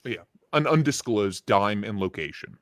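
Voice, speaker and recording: A man from Ohio talking through a software voice changer that shifts his voice deeper, chatting loosely and swearing as a guest on a live stream over a computer mic. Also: expressive, normal speed, dry recording, clean studio sound. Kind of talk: casual chat.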